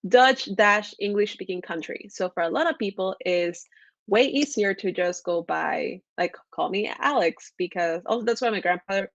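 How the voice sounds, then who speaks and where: A woman's voice: mid-range voice, dry recording, muffled recording. Chatty woman from Ecuador on a call. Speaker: podcast guest, graphic designer. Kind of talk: casual video-call chat.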